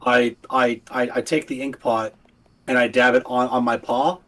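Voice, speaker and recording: A man's voice: medium pitch, level tone, normal speed, fairly bright tone, low-quality recording. A man playing a character in a tabletop role-playing game, speaking hesitantly with stammering restarts. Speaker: player.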